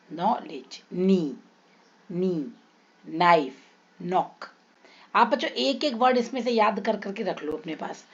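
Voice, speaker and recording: A woman with an Indian accent teaching an English grammar lesson, repeating example words slowly and putting questions to her students. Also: mid-range voice, lo-fi sound. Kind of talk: classroom lesson explaining rules.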